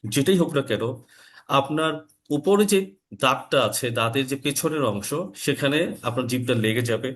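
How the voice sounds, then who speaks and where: A man teaching Arabic letter pronunciation in an online lesson, slow and deliberate, repeating each sound for his learners. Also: mid-range voice, animated, fairly bright tone. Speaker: Quran recitation teacher.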